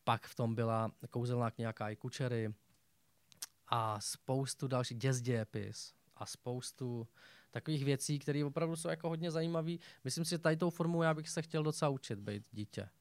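A man's voice: mid-range voice, clear, resonant tone, no echo. A young man chatting as a talk show guest, rambling along with many fillers and restarts. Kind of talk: casual chat.

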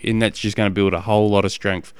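Smooth low-voiced Australian man, halting. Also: level tone. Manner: halting, repeating phrases as he explains. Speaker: endurance coach and podcast host. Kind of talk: casual advice podcast talk.

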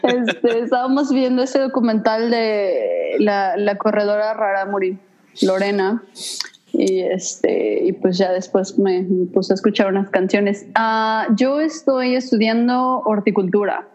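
A woman's voice: medium pitch, fairly even intonation, a little slow, a little mellow, dull audio. A woman from Mexico City with a Mexico City accent, talking casually and thoughtfully about her studies and interests, with many hesitant fillers. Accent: Mexico City Spanish. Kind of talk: casual conversation.

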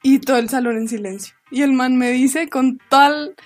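A young woman, hosting a podcast and telling a story in a casual, animated way. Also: high voice, fairly quick, faint music behind. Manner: animated, laughing while telling. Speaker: podcast host.

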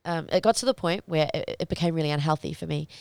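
A young woman fighter speaking as an interview guest, talking candidly in a halting, reflective way as she searches for words. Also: low voice, vocal fry, a little mellow, clear, resonant tone, no echo.

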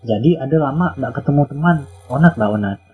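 A man in a casual podcast chat, telling an anecdote in an animated way. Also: mid-range voice, brisk, breathy edge, phone-quality sound, soft background music. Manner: animated storyteller, laughs while telling.

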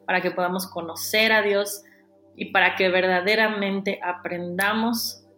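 A woman preaching a sermon, animated, acting out the dialogue in a lowered voice. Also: unhurried, reverberant, faint music behind.

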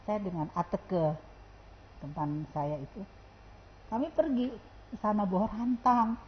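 A woman's voice: medium pitch, measured pace, lo-fi sound, slight background noise. A woman, telling a story as an interview guest and acting out what people said in different voices. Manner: lively, acts out quoted dialogue with shifting voices. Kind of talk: animated storytelling.

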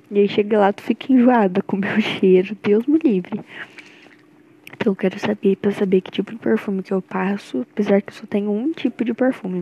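Nervous young Brazilian woman, mellow voice. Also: mid-range voice, husky, low-quality recording. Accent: Brazilian Portuguese. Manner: rambling, nervous, affectionate. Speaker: girlfriend recording a voice message. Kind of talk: intimate personal voice message.

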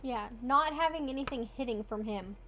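An earnest woman co-hosts a casual faith chat, explaining her points with a teaching tone. Her voice sits a little high. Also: pushed and bright. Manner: earnest, teaching tone with quick asides. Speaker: co-host.

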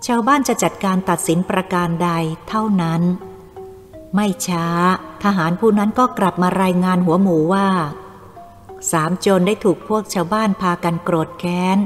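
A woman reading a story aloud in an even, measured storytelling manner. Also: medium pitch. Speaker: audiobook narrator. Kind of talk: scripted story narration. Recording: long reverb with faint music.

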